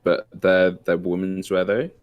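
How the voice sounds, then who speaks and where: British man in his thirties, very low voice, hesitant co-host full of fillers. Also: flat delivery, unhurried, no room sound, lo-fi sound. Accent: British English. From England. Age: 30s. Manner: hesitant, many fillers, laughs easily. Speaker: podcast co-host. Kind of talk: casual chat.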